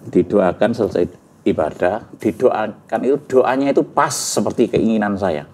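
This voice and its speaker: A man's voice: lowish voice, moderate pace, a little mellow. Earnest middle-aged man. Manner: earnest storytelling, sprinkled with Javanese words. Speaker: guest giving a testimony. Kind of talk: emotional personal testimony interview.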